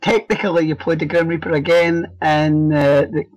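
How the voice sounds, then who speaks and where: A male radio co-host asking listener questions in a halting way with fillers. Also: fairly high pitch, steady tone, no echo, low-quality recording. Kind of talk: casual interview chat.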